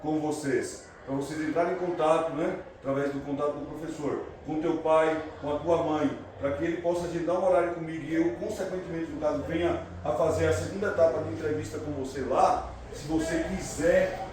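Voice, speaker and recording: A tired man lecturing students, leaning hard on the filler "no caso" and demanding answers from the room. His voice sits a little high for a man. He is heard from a distance in a very echoey classroom with steady noise behind him. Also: a little fast. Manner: constant filler "no caso", calls for audience answers. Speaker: recruiter speaking to students. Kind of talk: motivational talk to a class.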